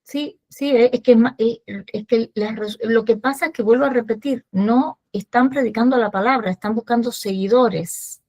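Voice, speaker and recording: A woman's voice: fairly high pitch, normal speed, few pauses, a little mellow. A woman hosting a religious talk show, explaining her point in an earnest way. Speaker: ministry host.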